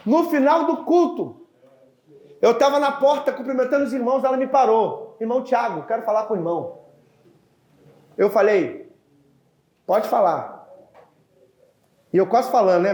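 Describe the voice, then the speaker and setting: A male pastor preaching a sermon, telling a story with animated acted-out dialogue and often addressing the congregation as dear ones. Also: very high-pitched, roomy sound. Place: church.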